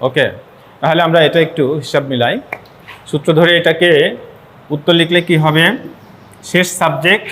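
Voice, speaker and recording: A man's voice: fairly high pitch, a bit bright. Man teaching an English grammar class. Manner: repeats words slowly to model pronunciation; mixes English phrases into explanations. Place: classroom with students.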